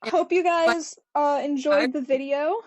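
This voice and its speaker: Chatty young woman with a high voice, laughs often, casual podcast co-host, talks through what she reads. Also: steady tone, measured pace, darkish tone. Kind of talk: casual chat about motor racing.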